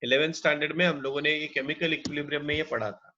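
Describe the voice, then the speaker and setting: Male chemistry teacher, bright voice, drawn-out dictation, dull lo-fi audio. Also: a little high, fairly even intonation, slight background noise. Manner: dictates slowly, repeating each phrase; mixes Hindi and English. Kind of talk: lecture with slow dictation.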